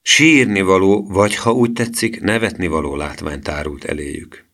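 Male storyteller, very low voice, steady reading. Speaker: audiobook narrator. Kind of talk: children's book reading.

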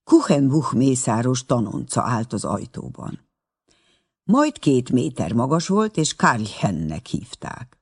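A reader giving measured, expressive audiobook narration of a novel chapter. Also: medium pitch, slightly rough.

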